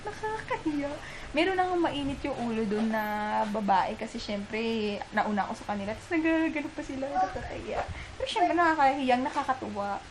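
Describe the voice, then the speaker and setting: A woman's voice: high voice, expressive, fairly quick, hardly any pauses. A young woman from the Philippines, a mom vlogger telling a story in a chatty, giggly, rambling way, recorded on a camera mic at home. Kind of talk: casual storytelling vlog. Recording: noisy room ambience.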